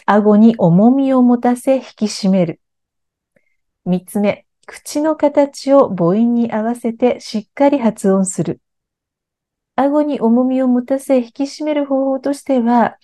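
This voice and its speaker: A woman narrating a scripted lesson on articulation and intonation, explaining clearly and evenly. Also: fairly high pitch. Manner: clear, even-paced explanation. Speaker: speech coach.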